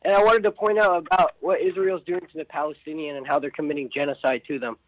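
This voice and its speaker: A man's voice: fairly high pitch, fairly even intonation, quick pace, dry recording, poor audio. A man calling in to a radio show by phone, giving casual, blunt and emphatic opinions. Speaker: phone-in caller. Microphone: phone call.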